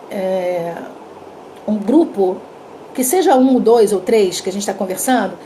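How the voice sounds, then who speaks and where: A woman with a Brazilian Portuguese accent teaching communication in a live online class, her throat dry, in a lively manner that acts out little sample dialogues. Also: fairly high pitch, a little hiss or hum. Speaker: communication coach.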